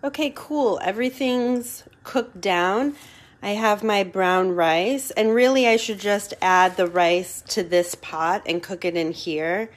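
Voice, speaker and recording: A home cook films a casual vlog in her own kitchen on a handheld phone, chatting enthusiastically. Her voice is medium-pitched and slow.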